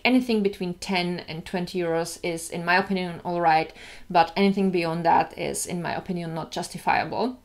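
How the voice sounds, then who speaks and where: Chatty woman vlogger, candid and easygoing. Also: medium pitch. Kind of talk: casual vlog talk.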